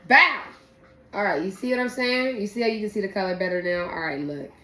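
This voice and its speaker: A woman sommelier presents a blind wine tasting, explaining it casually to camera in a playful, slangy, sweary way. Her mid-range voice is animated and fast. The recording has a roomy echo and faint background noise.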